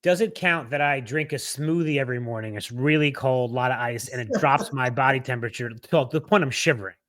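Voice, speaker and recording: A man with a mid-range voice co-hosts a podcast. He talks casually with a deadpan, wry sense of humor. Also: medium pitch, fairly quick. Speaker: podcast co-host. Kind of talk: casual conversation.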